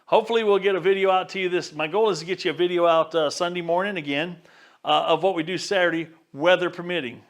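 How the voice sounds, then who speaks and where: In a casual how-to vlog filmed in his backyard workshop and on his boat, a man shows viewers how he sets up his boat gear. His voice sits high and steady, and he talks fast in an upbeat, chatty manner.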